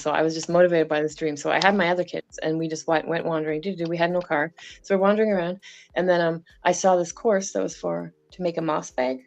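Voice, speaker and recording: A middle-aged Canadian woman, appearing as a guest, tells a meandering personal story in casual chat, often trailing off. Her voice is on the low side and a little mellow, and the recording is dull and lo-fi with faint music.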